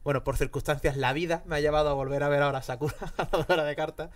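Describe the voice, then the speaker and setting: A man, co-hosting a podcast and telling a rambling, animated story full of fillers. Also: on the high side, quick pace. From Spain. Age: 30s. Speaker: podcast co-host. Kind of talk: casual chat.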